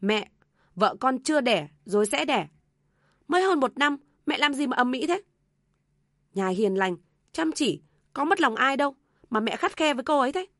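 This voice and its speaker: A woman's voice: mid-range voice, unhurried, creaky, pauses often, a little mellow, dry recording, clean studio sound. Young husband, read by a woman, torn and holding back. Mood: angry. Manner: restrained, then raising his voice. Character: young husband torn between mother and wife.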